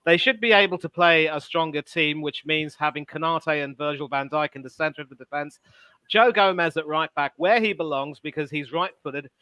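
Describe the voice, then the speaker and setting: A man's voice: on the high side, normal speed, sharp tone, clean tone, dry recording. A man hosting a casual football discussion, opinionated and full of fillers. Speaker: podcast host.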